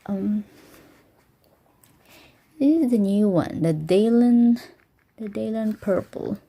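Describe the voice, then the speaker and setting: Slow, gravelly-voiced woman gushing over little things. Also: medium pitch. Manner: excited, gushing, often drops to whispers. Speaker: vlogger. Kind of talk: casual unboxing vlog. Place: home, bedroom at night.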